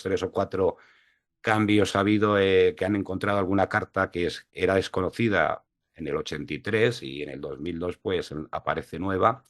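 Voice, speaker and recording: A man's voice: deep voice, a bit bright. A man from La Mancha giving an online lecture, hesitant with many fillers, over a video call. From La Mancha, Spain. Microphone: video call mic.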